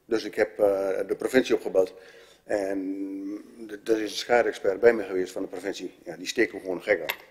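A man's voice: deep voice, steady tone, a little mellow, breathy edge. A man, a resident speaking hesitantly at a council debate, stumbling and restarting often. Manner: hesitant, halting, many restarts. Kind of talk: unscripted public statement. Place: council chamber. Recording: reverberant council chamber.

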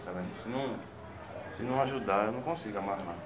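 A man's voice: on the low side, quick pace, heavy background noise. A young man from the northeast speaking as a father in a casual home video, patiently coaxing his child with step-by-step instructions. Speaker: father filming his son.

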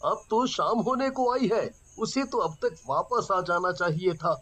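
A sorrowful young ghost brother in a cartoon tale, as a man voices him. The voice sits very high and moves slowly, with a bright edge. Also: animated, full character voice. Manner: soft, mournful, drawn-out.

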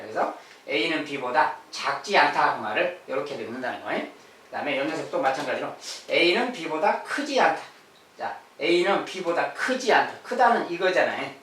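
A male math teacher giving a lecture. He fills his talk with short "ja" and "ye" and slowly repeats key phrases. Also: a little high, a bit bright. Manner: frequent "ja" and "ye" fillers. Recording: echoey room, mic at a distance.

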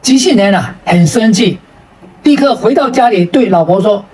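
Taiwanese woman telling jokes, roomy and distant. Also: medium pitch. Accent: Taiwanese Mandarin. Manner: lively, drawn-out sentence particles. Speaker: joke storyteller. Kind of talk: storytelling of jokes. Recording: roomy sound from a distant mic.

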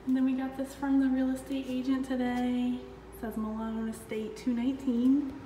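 A middle-aged parent films a casual house tour of an empty townhouse on a handheld phone while walking, narrating slowly and plainly and pausing between rooms. Her voice is high-pitched and warm with little pitch movement. The empty rooms echo with long reverb, and there is a little hiss or hum.

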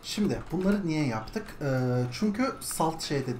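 A woman with a low voice and a lively, bouncing delivery chats her way through a building game. She speaks casually to her viewers and sometimes turns to soothe a squawking pet bird. The recording sits in an echoey room with clear background noise. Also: a little slow. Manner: chatty, talks to her pet bird in a high coaxing voice. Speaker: gaming streamer. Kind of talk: casual gameplay commentary.

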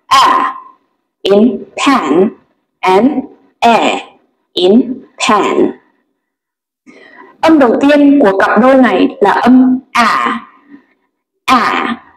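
A woman explains English vowels patiently and models each sound with care. Her voice is high and her pace is slow. The room around her is echoey. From Vietnam. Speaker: English pronunciation teacher. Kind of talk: recorded pronunciation lesson.

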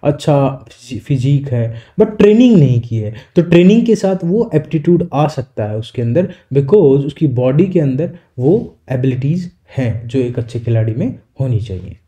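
A man teaching an exam-prep lecture, explaining in Hindi and reading definitions slowly in English. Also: medium pitch, expressive, dark tone.

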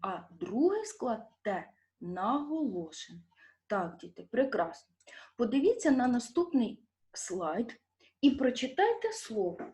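Here a woman leads a primary school class in Ukrainian-accented speech, putting questions to the young children and stretching each stressed syllable slowly and clearly. Her pitch is fairly high, her delivery sing-song, and her tone somewhat dark.

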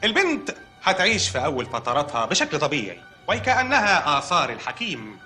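Deadpan Egyptian doctor. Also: male voice, on the high side, fairly quick, soft background music, full character voice. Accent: Egyptian Arabic. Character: matter-of-fact hospital doctor, adult man. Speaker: doctor in a comedy series.

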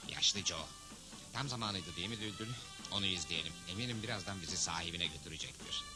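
A man voicing a steady, good-natured cowboy hero in a western cartoon dub, plain-spoken and self-assured. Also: low voice, quick pace, over music. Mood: resolute.

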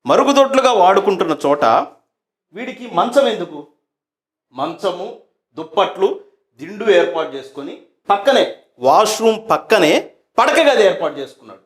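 A man's voice: high-pitched, animated, normal speed, pauses often. A male reporter, asking short questions and then delivering scathing, sarcastic commentary on site. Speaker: reporter of an online news channel.

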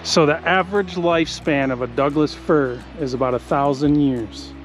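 A hiking vlogger in his forties with a fairly high voice narrates at a moderate pace as he walks a forest trail, casually musing aloud about the trees. It's recorded outdoors on a held or worn action camera, with soft background music and poor audio.

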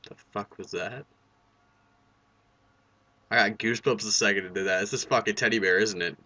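A young man hosting a casual let's play in a fairly low voice with a bright, forceful edge. He is reactive and jokey, and swears freely. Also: steady tone, moderate pace. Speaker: gaming video host.

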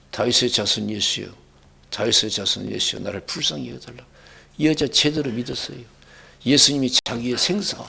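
Gravelly preaching male pastor. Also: medium pitch. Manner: preaching with sudden loud rising bursts and quoted dialogue. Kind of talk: sermon.

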